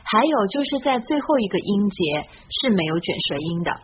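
A woman hosting an English pronunciation lesson, speaking in a friendly, encouraging, scripted way and stretching out model words slowly. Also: medium pitch, sing-song, lo-fi sound, slight background noise.

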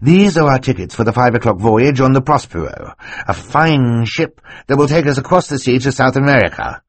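A man voicing an excitable, fussy older male snake scientist in an audiobook, talking over others. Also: mid-range voice, normal speed, breathy edge, no room sound, pitched above the performer's own voice. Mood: excited. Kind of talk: audiobook character voice.

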